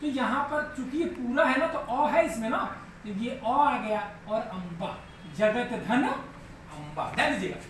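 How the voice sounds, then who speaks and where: A bright-voiced male teacher leads a live online class. He goes patiently step by step and keeps asking whether everyone has understood. His voice sounds distant in a very echoey room with faint noise behind it. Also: extremely high pitch, moderate pace. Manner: patient, repeats steps, keeps checking students follow.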